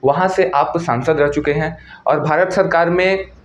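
A man's voice: fairly high pitch, steady tone, measured pace, slight background noise. A man hosting an informal explainer lecture in a chatty, teasing way. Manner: chatty, teasing, with frequent "ठीक है" tags. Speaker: educational channel host. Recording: roomy, dull lo-fi recording.

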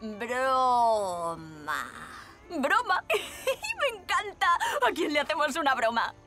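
A woman's voice: sits high, sing-song, slow pace, over music, heavily acted. An actress voicing a cheerful, sensible cave girl who encourages her friends. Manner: bright, encouraging, giggly. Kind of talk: Spanish cartoon dubbing.

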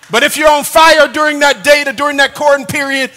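A man in his sixties preaching a sermon as pastor in a church sanctuary, with humor, shouted emphasis and call-and-response. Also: very high voice. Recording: long church reverb.

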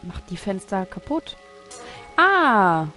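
Rätselnde Frau kommentiert ihr Spiel. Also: female voice, mid-range voice, normal speed, darkish tone, soft background music. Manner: puzzled muttering, thinking aloud. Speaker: let's play host. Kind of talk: casual gameplay commentary.

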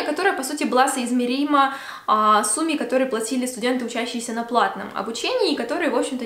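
A woman's voice: a little high, fairly bright tone, reverberant. A woman of twenty-five from Belarus, talking casually to camera in a Q&A vlog at home, full of fillers. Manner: chatty, many fillers. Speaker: beauty vlogger. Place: room at home by a Christmas tree.

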